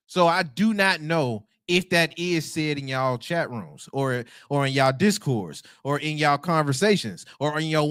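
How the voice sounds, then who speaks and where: A man in his twenties giving casual, animated commentary on a livestream, slangy and quick to laugh. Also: fairly high pitch, no room sound, clean studio sound. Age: 20s. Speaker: livestream host.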